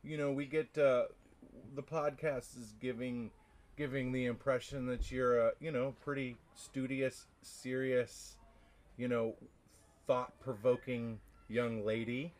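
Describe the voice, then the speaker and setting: A man's voice: medium pitch, little pitch movement, takes it slowly. Chatty man hosting a camp podcast. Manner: friendly, affirming, many fillers. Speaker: podcast host. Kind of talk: casual interview.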